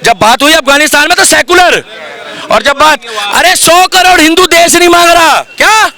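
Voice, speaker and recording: Guy arguing hard on a busy street, talks over everyone, high pitched, people around. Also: normal speed, a faint crowd. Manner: forceful, argumentative, talks over others. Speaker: passerby giving opinion. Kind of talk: heated street debate. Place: busy city street outdoors.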